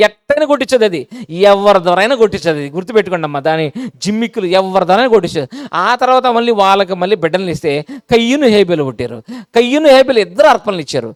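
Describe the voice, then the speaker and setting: A man's voice: high-pitched, dry recording, clean studio sound. A male pastor preaching a sermon, conversational and repetitive, quizzing his listeners again and again with rhetorical questions.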